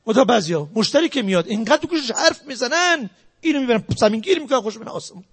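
A man giving a sales lecture, emphatic and repetitive, jumping between loud stresses and quiet asides. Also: very high-pitched, sing-song, breathy edge. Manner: emphatic, repetitive, talks straight to the audience. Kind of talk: motivational lecture.

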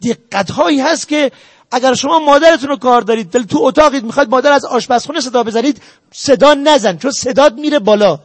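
Brief: male preacher with a very high voice, earnest and exhortative, dry close sound. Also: dry recording. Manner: earnest, exhorting the audience directly. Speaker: religious lecturer. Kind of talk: sermon on family ethics.

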